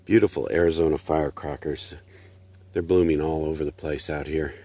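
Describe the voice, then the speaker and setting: A man's voice: a bass voice, steady tone, fairly quick, warm tone. A man vlogging casually on an outdoor canyon trail, chatting and explaining plants as he walks. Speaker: hiking vlogger.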